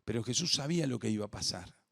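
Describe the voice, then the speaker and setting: A man with a Rioplatense Spanish accent preaching a sermon as pastor, swinging between hushed reflection and emphatic declaration. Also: mid-range voice, animated, quick pace, vocal fry, breathy edge. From Uruguay. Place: home or church for an online service.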